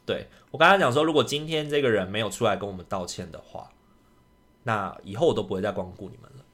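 A man, co-hosting a casual podcast and retelling a story in an animated, indignant way. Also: fairly low pitch, quick pace. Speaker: podcast co-host.

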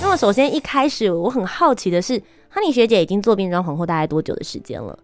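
语调活泼多变的女主持人. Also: female voice, mid-range voice, sing-song, quick pace, over music. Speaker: host. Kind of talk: scripted-style show hosting and interviewing.

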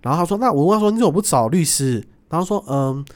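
A young adult man, a guest, telling stories in a lively casual chat and acting out the voices of people in them. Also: on the high side. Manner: animated, quick, acts out voices in his stories.

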